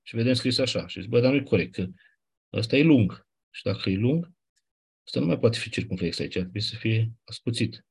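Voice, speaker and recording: A man's voice: mid-range voice, expressive, gravelly, a little mellow, breathy edge. A male teacher explaining a lesson in an informal way, checking in with his students and repeating the key points.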